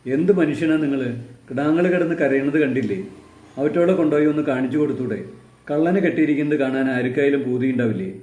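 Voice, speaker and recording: Male reader playing an older village grandmother: indignant, talkative, mellow voice, echoey room. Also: medium pitch, fast talker, close to an everyday voice. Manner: complaining, exclaiming storyteller's reading. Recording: roomy echo.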